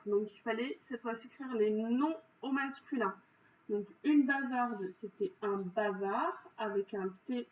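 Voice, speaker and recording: With a fairly high pitch, a woman works through spelling corrections for pupils, patient and slow, stopping often and leaning on "donc" and "euh." The audio is muffled and roomy, far from the mic, with a faint hiss underneath.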